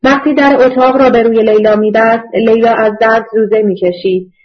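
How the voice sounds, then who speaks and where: A woman reading a novel aloud as narrator in a measured, subdued way, on a dull lo-fi recording. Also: a little high, steady tone. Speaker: audiobook narrator. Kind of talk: scripted narration.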